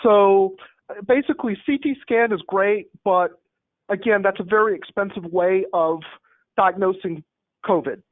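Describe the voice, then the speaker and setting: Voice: medium pitch, a little slow, no room sound. Medical presenter on a group call, tinny phone-ish audio, dry, walks through slides methodically. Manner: methodical, explains step by step. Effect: heard over a group call line. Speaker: medical presenter at a town hall. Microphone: remote call connection.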